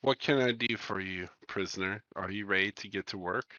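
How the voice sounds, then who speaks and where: A man voicing a solemn female crystalline elemental being, who speaks in a formal, measured way over a dull, dry, lo-fi microphone. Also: fairly low pitch, sharp tone, no room sound. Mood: formal, stern.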